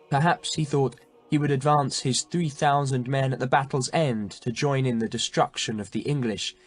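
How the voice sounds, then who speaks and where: A man narrates a historical battle novel in a measured, dramatic way. His voice sits in a middle pitch, and faint music plays beneath him. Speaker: audiobook narrator. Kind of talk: scripted narration.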